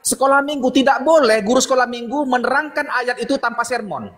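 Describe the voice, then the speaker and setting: Fast-talking high-voiced man, argumentative. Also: a bit bright, in a large hall. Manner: argumentative, interrupts, laughs mid-sentence. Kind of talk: heated live debate.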